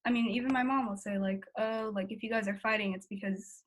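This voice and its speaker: A woman with a mid-range voice and fairly even intonation speaks a little fast in an American accent. Eighteen years old, Philippine-born and American-raised, she's the interviewee in a candid family conversation, talking informally about herself and saying "like" often.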